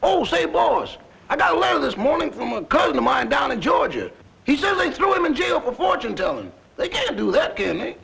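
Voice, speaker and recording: A man playing an impudent, wisecracking servant in gravelly 1940s screwball comedy banter. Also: very high voice, big pitch swings, brisk, a bit bright, exaggerated voice. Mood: storytelling, puzzled. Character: wisecracking, impudent male servant to a broke boss. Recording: faintly noisy 1940s film soundtrack.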